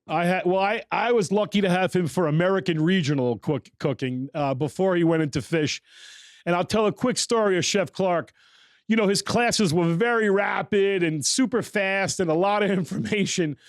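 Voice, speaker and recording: Man, podcast host, high voice, rambling stories, fillers, dry close sound. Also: moderate pace, no echo. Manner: rambling storyteller, many fillers. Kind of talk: casual interview chat.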